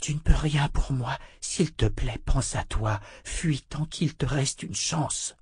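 A man reading a terrified young woman's lines in an audiobook, in a hushed, breathless voice. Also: mid-range voice, slow, slightly rough, no echo, studio quality, voice pushed up. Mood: pleading. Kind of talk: audiobook character voice.

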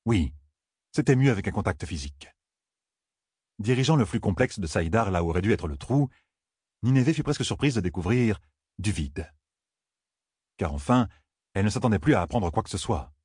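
A man reading a fantasy novel aloud in a measured, even scripted narration. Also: lowish voice, breathy edge, no echo, clean studio sound. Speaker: audiobook narrator.

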